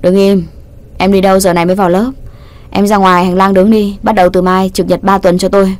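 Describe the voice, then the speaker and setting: A woman's voice: fairly low pitch, steady tone, quick pace, close to an everyday voice. A woman voicing a teasing, domineering young male teacher in a storybook reading, smug one moment and strict the next. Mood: stern. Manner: smug and teasing, then stern.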